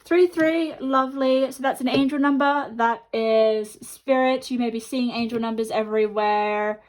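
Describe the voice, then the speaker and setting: A woman's voice: fairly high pitch, fairly even intonation, normal speed. A woman giving a chatty intuitive tarot reading to viewers while her mouth is half numb from the dentist. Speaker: tarot card reader and host.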